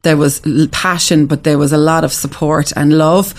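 A woman's voice: low-pitched, fairly even intonation, normal speed. A woman from the west of Ireland, with that region's accent, tells her story as an interview guest in a casual, emphatic way, often repeating phrases. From west of Ireland (Galway). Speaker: interview guest, restaurant founder.

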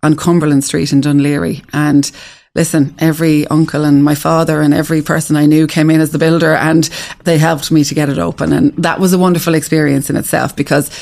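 A restaurant founder from Galway in the west of Ireland speaks as an interview guest, telling her story casually and emphatically in her regional accent, often repeating phrases. Her voice is low, darkish and level, with vocal fry, and she talks fairly quickly.

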